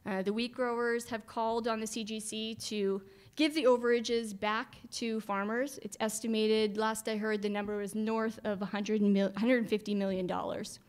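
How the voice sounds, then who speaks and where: A woman's voice: fairly high pitch, normal speed, smooth. Middle-aged woman at a podium mic, conference speech with dry humor. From Canada. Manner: lively, wry asides. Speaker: farm association director. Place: hotel conference room. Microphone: podium microphone.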